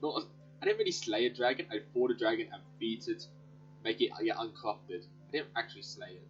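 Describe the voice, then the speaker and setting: A gaming video host gives casual, chatty, offhand let's play commentary, reacting to a game in a brisk voice on the low side. The dull lo-fi mic picks up game music behind him.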